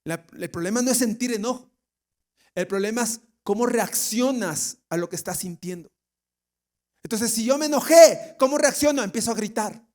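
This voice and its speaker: A man's voice: very high-pitched, lively intonation, moderate pace, darkish tone. A pastor with an Ecuadorian accent preaching a sermon, asking the congregation questions and now and then acting out the people he quotes. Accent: Ecuadorian Spanish. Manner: jokes, laughs, mimics people he quotes.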